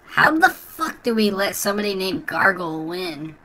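A man's voice: sits high, sing-song, normal speed, sharp tone, heavily acted. A man using a voice changer to play an obnoxious, crude little kid who taunts other players in online game chat. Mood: taunting. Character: obnoxious trash-talking little kid gamer. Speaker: prank gaming video host.

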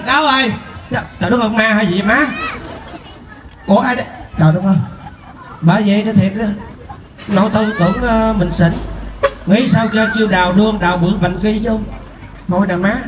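A man's voice: extremely high pitch, echoey room, poor audio. A man playing a tipsy, rowdy husband who jokes with the audience in a live comedy skit. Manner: slurring, rowdy, playful. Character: tipsy drunk husband joking with the crowd.

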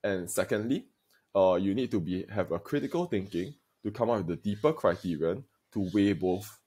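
A male secondary school history teacher, giving a recorded video lesson in a deliberate, emphatic lecturing manner and speaking directly to his students. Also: low-pitched, expressive, mellow, breathy edge.

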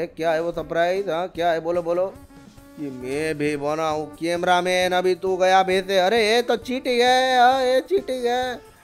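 Man, young, high-pitched, rowdy playful game commentary, headset mic, faint music. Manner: rowdy playful banter, often shouting. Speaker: gaming YouTuber. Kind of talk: comic Roblox gameplay commentary. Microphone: gaming headset.

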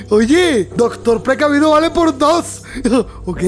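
A young man with a very high voice talks through a game as a let's-play host. He jumps from chatter to sudden yelps and laughs often. Soft game music plays underneath. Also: very slow. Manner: excitable, laughs often, yelps and exclaims at scares. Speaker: gaming YouTuber. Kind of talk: excitable let's-play commentary.

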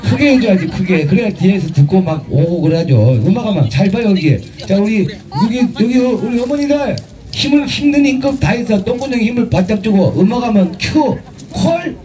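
A man emceeing a street performance at an outdoor festival, teasing the crowd with crude jokes and shouting music cues. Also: high voice, expressive, a little fast.

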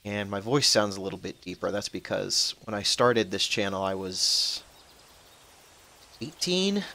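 Chatty and rambling, a young man of twenty-one talks through his let's-play for his gaming channel, swearing occasionally at on-screen events. He has a lowish voice with vocal fry and a measured pace. The recording carries faint background noise and cuts out when he speaks softly.

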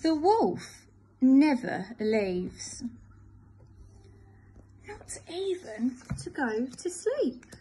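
A teacher reads a children's picture book aloud in a high, sing-song voice that rises and falls a lot. She takes her time, drawing out the words gently. A faint hiss runs underneath. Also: sing-song, drawn-out words, long pauses, poor audio.

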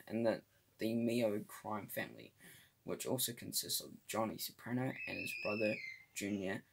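A man reviews a film on his own channel in a low, gravelly voice with a husky edge. His pitch swings widely as he talks. He hesitates a lot, filling gaps with "uh" and stumbling over names. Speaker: movie reviewer. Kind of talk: casual solo movie review.

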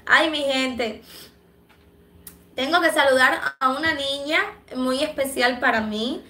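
A Cuban woman with a Cuban Spanish accent, hosting a livestream and reading viewer comments in a chatty, affectionate way, clearing her throat from allergies. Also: high-pitched, slow, sharp tone, reverberant. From Cuba. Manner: chatty and affectionate, many fillers. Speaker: livestream host.

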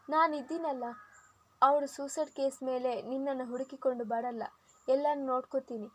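A woman voicing a young husband who comforts his wife in a firm, reassuring way. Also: high-pitched. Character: confident protective young husband.

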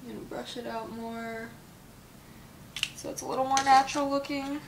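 A woman's voice: sits high, steady tone, moderate pace, noisy background. A young woman talking casually to her phone camera in a vlog, chatty, with lots of fillers and the odd swear word. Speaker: vlogger. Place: gym, then at home.

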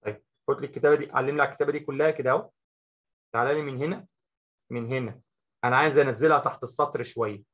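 A man with an Egyptian accent teaching a software tutorial, talking the viewer through each step and repeating short phrases. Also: medium pitch, steady tone, racing. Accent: Egyptian Arabic. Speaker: Photoshop instructor. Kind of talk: screen-recorded software tutorial.

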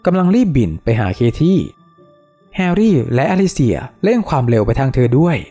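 A man reading a novel aloud as an audiobook narrator, with expressive, animated narration. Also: a little high, a little fast, faint music behind. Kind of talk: storybook reading.

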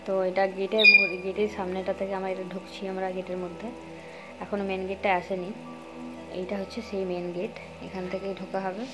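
A young vlogger talks to camera from a phone held out at arm's length in her small home room, chatty and direct with viewers, mixing in English words. She speaks briskly at medium pitch with a level tone, while loud music plays behind her.

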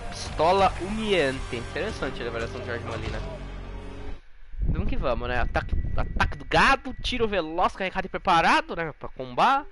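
A man with a Brazilian accent giving excitable, slangy live fighting game commentary, full of jargon. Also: a little high, fairly quick. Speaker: esports match commentator. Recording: game music behind the voice.

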